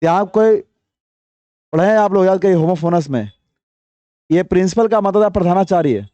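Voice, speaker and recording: A man teaches grammar in a high, mellow voice, reading sentences out slowly and then pressing his students for answers. The sound is dry and close, with no room around it. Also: animated, dry recording, dull audio. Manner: coaxing, quizzing students with repeated questions; reads English sentences slowly, then explains briskly. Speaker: English teacher. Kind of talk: classroom grammar lesson.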